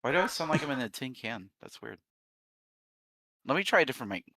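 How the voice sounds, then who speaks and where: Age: adult. Sex: man. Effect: tinny echoey webcam mic, like inside a metal can. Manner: bright, pushed voice. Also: mid-range voice, sing-song, fairly quick. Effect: tinny, echoey webcam mic, like talking inside a metal can. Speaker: podcast co-host. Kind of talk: casual chat.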